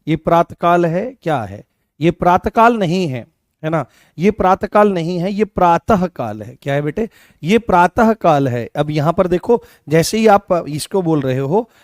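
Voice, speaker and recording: A man's voice: a little high, a little mellow, dry recording, clean studio sound. Hindi teacher quizzing his class. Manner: repeats key points and quizzes students with questions. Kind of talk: online live class.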